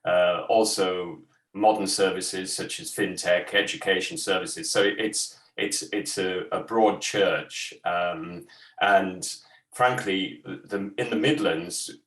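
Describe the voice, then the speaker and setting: A man's voice: sits low, fairly even intonation, slow, a bit bright. A man speaking as a sector advisor over a video call, hesitant and full of ums and restarts, in an echoey room far from his mic. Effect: heard over a video call.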